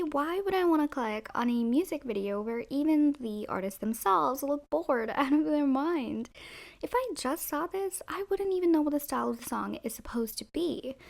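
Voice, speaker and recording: A woman with a hoarse, high, somewhat dark voice voices scripted commentary as a YouTuber reviewing music video thumbnails. She's sarcastic and opinionated, throwing in playful jabs.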